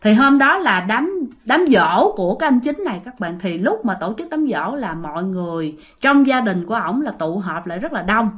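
A woman's voice: medium pitch, big pitch swings, moderate pace. A woman with a Southern Vietnamese accent telling ghost stories in a chatty way, addressing her listeners directly. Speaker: ghost story narrator. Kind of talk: casual storytelling.

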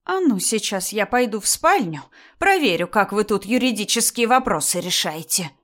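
A woman reading a story aloud and voicing a spiteful, suspicious older mother-in-law who talks in a shrill, accusing way. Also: expressive, normal speed, lightly acted.

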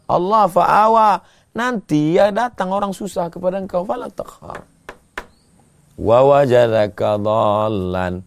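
A man preaching a sermon, moving between slow drawn-out chanting of verses and quick, emphatic scolding. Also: a little high. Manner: gravelly voice. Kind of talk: sermon with Quran recitation.

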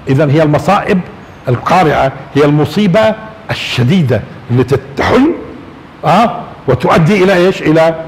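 A man's voice: a little high, gravelly. A man gives a religious lecture to a live audience, asking rhetorical questions and often chuckling. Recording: reverberant hall with faint noise.

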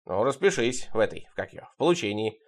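A man's voice: mid-range voice, expressive, quick pace, natural voice. A man reading an audiobook, voicing a rude, dim-witted mafia thug who keeps fumbling for words. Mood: crude.

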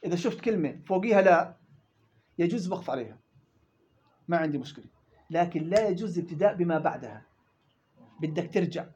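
A man teaching tajweed rules in a classroom lesson, explaining quickly and chanting verse examples in between. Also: a little high, animated, darkish tone, muffled recording, slight background noise. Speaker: Quran recitation teacher.

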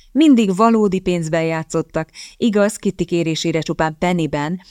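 Woman narrating in a low, dry voice. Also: no room sound. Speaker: audiobook narrator. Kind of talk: scripted narration.

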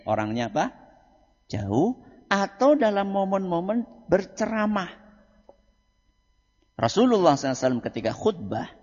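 A male Islamic preacher, giving a lecture, quizzing his audience and answering himself, dropping quiet then rising loud for emphasis. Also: on the high side, husky. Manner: asks the audience questions and answers them himself. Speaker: Islamic preacher teaching a book study. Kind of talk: religious lecture. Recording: muffled hall recording.

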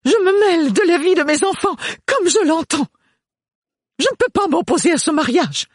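A man's voice: very animated, a little slow, husky, dry recording, studio quality, exaggerated voice. A man voicing an explosive, indignant middle-aged mother in a storybook audiobook. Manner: shrill, outraged outbursts.

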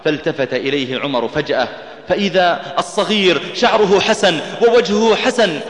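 A man delivers an impassioned sermon in a somewhat high voice, his storytelling climbing tense and urgent at the dramatic peaks. He breaks into melodic chanted recitation of scripture. The sound carries the long reverb of a large hall. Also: fairly quick, fairly bright tone. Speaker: preacher.

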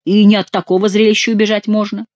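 A woman's voice: medium pitch, little pitch movement, quick pace, a little mellow, no echo, voice pushed up, close to an everyday voice. A woman voicing a mocking, ironic young male nobleman in an audiobook, with a teasing, mock-polite manner.

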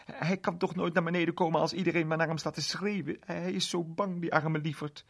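A man's voice: fairly high pitch, steady tone, a little fast, gravelly, voice pushed up. A man voicing a timid young girl anxiously begging for help with her frightened cat. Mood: pleading. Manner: anxious, beseeching.

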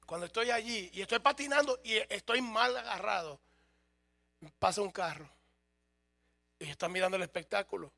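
A man's voice: high voice, normal speed, creaky, pauses often, bright, forceful tone. A man preaching a sermon as a pastor, humorous and speaking straight to his congregation.

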